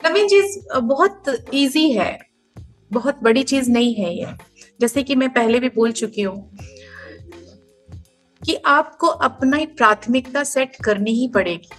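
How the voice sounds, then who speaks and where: A woman's voice: sits high, expressive, slow pace, long pauses, fairly bright tone, soft background music. A woman in her thirties, a mother and podcast guest, giving earnest, emphatic advice and explaining it through everyday comparisons. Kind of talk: podcast interview answers.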